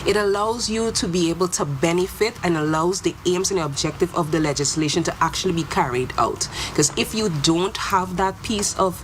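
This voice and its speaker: A woman's voice: fairly low pitch, fairly quick, hardly any pauses, a little hiss or hum. A woman earnestly explaining legal obligations, often restarting her phrases. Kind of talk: explanatory talk on law.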